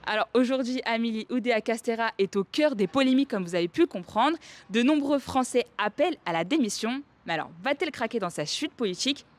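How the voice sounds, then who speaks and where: Young female presenter, scripted and steady, fairly high voice. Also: brisk. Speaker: news segment presenter. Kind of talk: read news segment.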